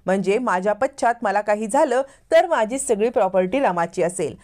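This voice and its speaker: A woman's voice: medium pitch, expressive, normal speed, a little mellow, lightly acted. A woman voicing a young husband who firmly sets out his will, in a retold drama.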